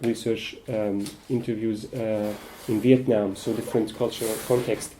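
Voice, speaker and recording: A man's voice: on the low side, little pitch movement, noisy background. Hesitant man leading a group chat. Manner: hesitant, many filler pauses. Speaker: support group facilitator. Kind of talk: casual group discussion.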